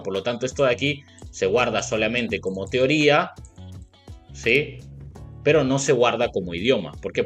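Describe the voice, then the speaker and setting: A man's voice: mid-range voice, fairly bright tone. A man with a Latin American Spanish accent teaching a video lesson, explaining step by step and checking in often with the viewer. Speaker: English teacher.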